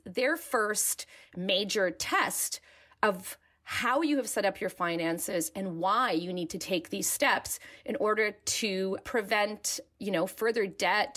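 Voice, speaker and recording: A woman with a mid-pitched voice hosts a podcast conversationally. She records at home in a bedroom, with a towel hung up as makeshift sound treatment. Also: a bit bright. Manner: speaking with a towel hung behind to dampen sound. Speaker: podcast co-host, personal finance editor. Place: child's bedroom with clothing rack and towel as makeshift booth.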